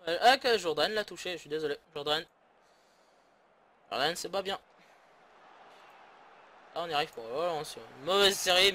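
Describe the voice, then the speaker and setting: Playing a football management game, a French gaming YouTuber offers sarcastic, grumbling let's-play commentary, swearing often. His voice is a little high, pushed and bright, with slight background noise.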